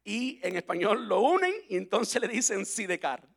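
A man preaching a relaxed sermon, his voice sitting notably high for a man. He talks in a chatty, playful way, stopping to spell words out letter by letter. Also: moderate pace, creaky. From Cuba. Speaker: pastor.

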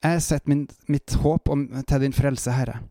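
A man reading psalm verses aloud in a calm, measured way, stopping now and then for short devotional reflections. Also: mid-range voice, no room sound, clean studio sound. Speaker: Bible reader and preacher. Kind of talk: Bible reading with devotional commentary.

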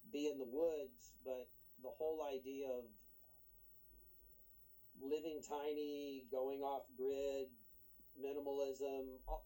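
A man talking as a podcast guest, casual and halting, with many pauses and restarts. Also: medium pitch, mellow, poor audio. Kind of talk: casual interview chat.

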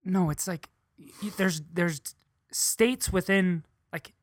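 A man's voice: high voice, takes it slowly. A young man co-hosting a podcast, bickering playfully and explaining things with mock-scientific confidence. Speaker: podcast co-host. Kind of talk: casual chat.

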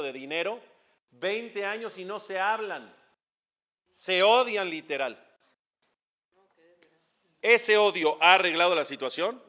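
A man's voice: high-pitched, pushed and bright, dull audio. A man, a rabbi with a Mexican accent, giving a religious lecture, asking the audience questions and building to emphatic peaks. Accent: Mexican Spanish.

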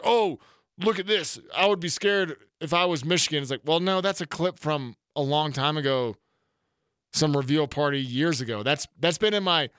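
A man hosting a casual sports podcast, rambling through animated stories. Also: fairly high pitch, clean tone, no echo, studio quality. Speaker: podcast host.

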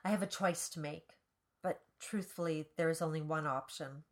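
A woman's voice: low-pitched, normal speed. A woman co-hosting a comedy podcast, reading a novel aloud and breaking off for wry, profane commentary. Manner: wry, swears casually. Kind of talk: dramatic reading with comic commentary.

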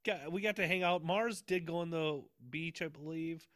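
A man's voice: on the high side, moderate pace, a bit bright, dry recording, clean studio sound. A man in casual chat, telling rambling stories with frequent laughs and swearing. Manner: rambling, laughing storyteller who swears freely.

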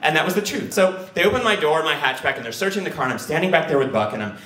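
A man telling a personal true story in an animated, excitable way. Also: rapid-fire, reverberant. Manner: animated, excitable, acts out quotes with big pitch jumps.

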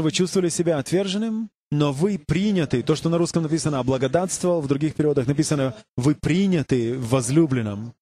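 A man's voice: on the high side, warm tone. A man preaching a sermon, earnestly asking the congregation questions. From United States.

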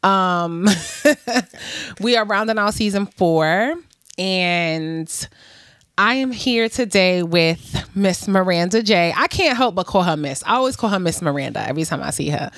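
A woman's voice: on the low side, expressive, moderate pace, fairly bright tone, no room sound, studio quality. American woman host, slight retainer lisp. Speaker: podcast host. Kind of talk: casual conversational interview talk.

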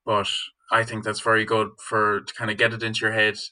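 A man's voice: lowish voice, completely flat delivery, fairly quick, pushed and bright. A young man from Galway with a west of Ireland accent, answering interview questions as a student guest in a hesitant, informal way. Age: young adult.

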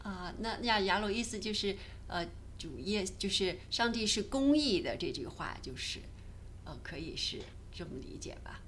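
A woman's voice: mid-range voice, animated, normal speed, a bit bright, slight background noise. A woman from China taking part as a guest in a casual Bible discussion, hesitant and searching for words.

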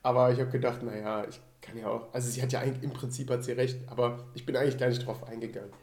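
A man's voice: mid-range voice, flat delivery, very fast, darkish tone. A man from the Rhineland with a Rhineland German accent, a teacher chatting casually as a podcast co-host and telling classroom anecdotes. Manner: chatty, laughs easily, tells classroom anecdotes. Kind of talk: casual chat. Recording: echoey room.

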